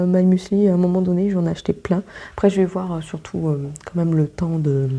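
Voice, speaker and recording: A woman's voice: lowish voice, dark tone, breathy edge. A woman chatting casually at home in a vlog, rambling with many fillers and restarts. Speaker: vlogger.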